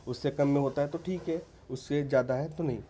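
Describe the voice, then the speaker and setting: A man's voice: a little high, fairly even intonation, fairly quick, mellow, a little hiss or hum. A man talking casually to viewers, giving practical advice in an earnest, insistent way, often tagging his sentences with an "okay". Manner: informal, repeats "ठीक है" as a tag, frequent restarts. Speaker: vlogger giving visa advice. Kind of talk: casual advice talk to camera.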